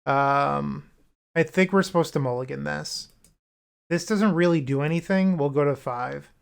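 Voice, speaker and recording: A man's voice: a little high, unhurried, creaky, smooth. Man thinking aloud through a card game. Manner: thinks aloud through each play, upbeat and wry. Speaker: gameplay commentator. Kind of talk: casual gameplay commentary.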